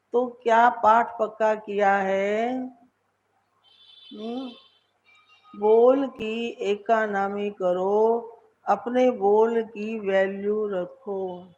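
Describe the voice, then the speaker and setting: A woman's voice: medium pitch, a little mellow, highs cut off. A woman giving a devotional lecture as a spiritual teacher, repeating words for emphasis and asking her listeners questions.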